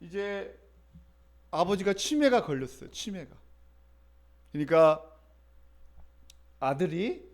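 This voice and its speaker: A middle-aged male pastor delivers a sermon with a notably high-pitched voice. He talks conversationally and keeps turning to the congregation with questions and calls to respond.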